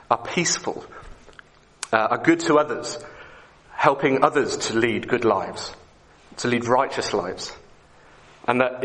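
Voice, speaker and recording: A man's voice: medium pitch, a bit bright. A man preaching an evening sermon in a conversational way, often asking the congregation questions.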